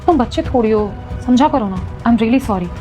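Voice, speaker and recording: A woman's voice: fairly high pitch, expressive, normal speed, mellow, lightly acted. A woman playing a hot-tempered young wife in a short domestic drama, who scolds, justifies herself and pleads. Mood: pleading, scolding. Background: faint background music.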